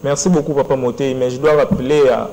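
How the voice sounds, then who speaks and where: A Congolese man talks earnestly as a guest on a television set, at a mid pitch. Faint background noise stays low behind him. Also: fairly even intonation, fairly quick, dark tone, rough recording. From Democratic Republic of the Congo. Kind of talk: studio interview, French and Lingala. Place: TV studio set.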